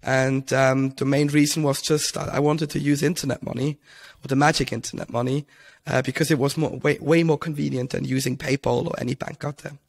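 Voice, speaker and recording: A man's voice: mid-range voice, flat delivery, fairly quick, gravelly. A young man from Switzerland, a podcast guest, talking casually over a headset mic with many ums and restarts. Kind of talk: casual interview talk. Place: home room, indoors.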